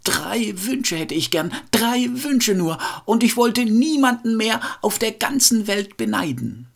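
A man voicing a poor woodcutter who cries out loudly and pleadingly in a storybook tale. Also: fairly low pitch, sing-song, takes it slowly, exaggerated voice. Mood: longing. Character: poor male woodcutter, wishful, later angry.

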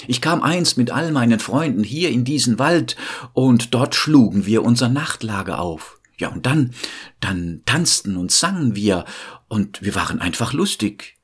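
A man voicing an enchanted prince living as a swineherd in a told fairy tale, speaking in a gentle, confiding way. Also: medium pitch, expressive, measured pace, slightly rough.

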